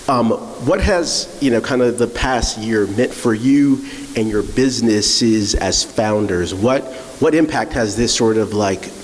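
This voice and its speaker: A man moderating a panel, asking probing questions in a conversational way. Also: lowish voice. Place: event hall. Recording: reverberant hall with faint hiss.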